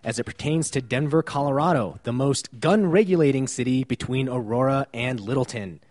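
A man's voice: medium pitch, fairly quick, a little mellow. A man hosting a casual local news podcast, wry and joking as he recaps the year's stories. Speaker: podcast host.

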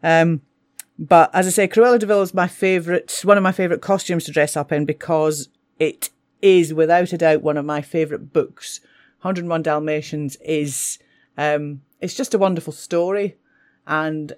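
A woman's voice: deep voice, fairly even intonation, moderate pace, a little mellow. A woman teacher, talking with enthusiasm about books she loves. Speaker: English teacher. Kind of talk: casual talk for school radio.

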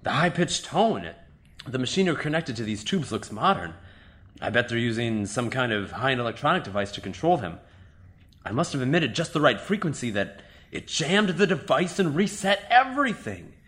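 An actor playing an exasperated detective who protests and gets flustered easily. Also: male voice, medium pitch, very animated, moderate pace, a bit bright.

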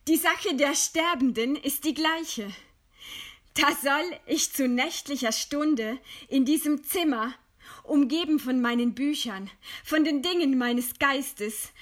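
In eloquent, theatrical radio-play declamation, an actress with a high-sitting voice plays a proud, scornful female intellectual who defies her executioner.

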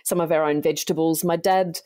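An Australian woman in her forties, a podcast guest gently and earnestly telling her life story. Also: low-pitched, steady tone, brisk.

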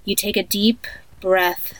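A female performer narrates a guided sleep meditation as an eerie woman in a horror audio piece, speaking very slowly and softly in the manner of a sleep story narrator. Her mid-range delivery is soothing but haunting, with fairly even intonation, light acting, and poor audio.

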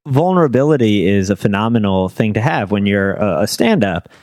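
A man's voice: lowish voice, expressive, a little fast, a little mellow, dry recording. A young man from the Philadelphia area, a stand-up comedian, joking about himself in a casual podcast chat. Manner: self-deprecating, dry joking.

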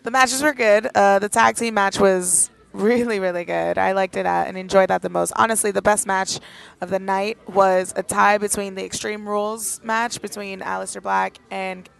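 A woman co-hosting a podcast with a hoarse, lost voice, chatting casually and playfully. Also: mid-range voice. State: hoarse, has lost her voice. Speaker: podcast co-host. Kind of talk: casual chat.

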